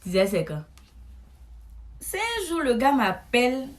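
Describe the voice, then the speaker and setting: A woman, telling a comic story to camera in a chatty, animated way, with frequent asides to her listeners. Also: high voice, unhurried. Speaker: comedic storyteller.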